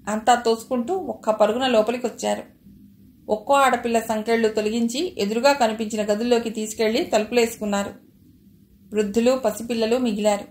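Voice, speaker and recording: Woman narrator for an audio novel, raised pitch, roomy echo. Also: a little mellow. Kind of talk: reading a novel aloud.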